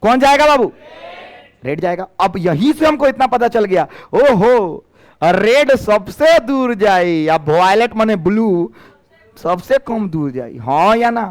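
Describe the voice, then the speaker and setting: A man's voice: high-pitched, big pitch swings, slow. A man runs a physics class. He keeps throwing questions back at the students, then answers them himself. His talk moves between plain Hindi and Bhojpuri phrases. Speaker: teacher.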